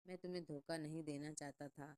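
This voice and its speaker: A woman's voice: low-pitched, fairly even intonation, a little mellow, lightly acted. A woman reading the lines of a remorseful man begging forgiveness, in a pleading, tearful manner.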